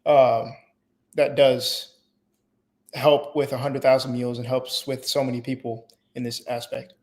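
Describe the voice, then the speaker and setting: A man's voice: mid-range voice, little pitch movement, a little slow, darkish tone. A young man in his late teens, born in Haiti, answering interview questions in a hesitant way with fillers and restarts. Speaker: guest.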